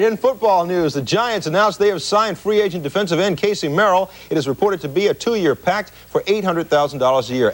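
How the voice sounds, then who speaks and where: A man reads the sports news on a local evening newscast in an easygoing, joking way. His voice sits a little high. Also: low-quality recording. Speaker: sports anchor.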